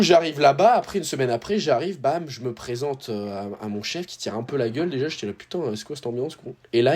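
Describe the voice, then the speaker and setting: A man's voice: mid-range voice, darkish tone. Young French guy, casual vlogger, loose rambling slang delivery, mid-range voice. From France. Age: young adult. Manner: slangy, rambling, with many fillers and restarts. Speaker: tennis YouTuber. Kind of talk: casual storytelling to viewers.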